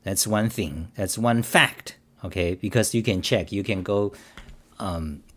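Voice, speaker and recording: In no hurry, a guy with a kinda low voice rambles on his coding stream, restarting sentences and hammering his point defensively. He reads chat aloud and talks directly to the people watching, like a live talk show host.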